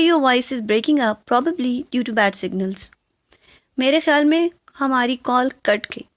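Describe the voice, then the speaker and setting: Woman, Urdu first language, English teacher, fairly high voice, word-by-word explanation, dry close sound. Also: dry recording. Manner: explains word by word, reads English phrases slowly. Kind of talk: spoken language lesson.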